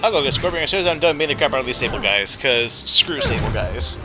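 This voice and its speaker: A man talks casually over his game footage, rambling and circling back on himself. His voice sits at a middle pitch, with game music clearly audible under him. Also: animated, quick pace, poor audio. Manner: rambling, many fillers and restarts. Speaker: gaming YouTuber. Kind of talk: casual gameplay commentary.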